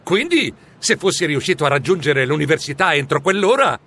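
A man reading a storybook aloud in the first person, animated and exclamatory. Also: a little high, brisk, slightly rough. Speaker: audiobook narrator.

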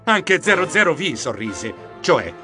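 A man narrating a children's adventure audiobook in the first person, with theatrical, expressive delivery. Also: on the high side, unhurried, music in the background.

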